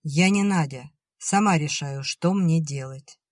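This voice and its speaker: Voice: mid-range voice, measured pace, no echo, clean studio sound, close to an everyday voice. A reader voicing a curt, headstrong sister. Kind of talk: audiobook character reading.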